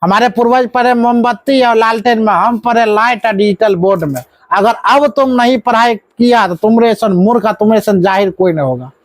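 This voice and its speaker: Male classroom teacher, high voice, call-and-response drilling with scolding asides. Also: moderate pace, no room sound. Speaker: math teacher. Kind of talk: live classroom lesson.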